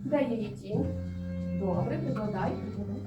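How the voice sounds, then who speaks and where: A woman's voice: medium pitch, moderate pace, muffled recording. A woman preschool teacher reading riddles, praising and guiding small children through a lesson and chanting rhymes. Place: kindergarten classroom. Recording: roomy, far from the mic, with music behind.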